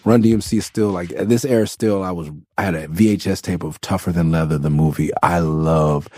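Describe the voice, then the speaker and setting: With faint music behind him, a deep-voiced, nasal man from Los Angeles talks a little fast on his podcast. The rapper loosely and profanely retells the making of his album, animatedly acting out quoted voices.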